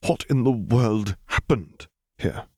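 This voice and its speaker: A man's voice: mid-range voice, huge pitch swings, brisk, slightly rough, no echo, studio quality, pitched above the performer's own voice, heavily acted. A man doing a nervous, careful captain. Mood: hesitant. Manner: hesitant, careful.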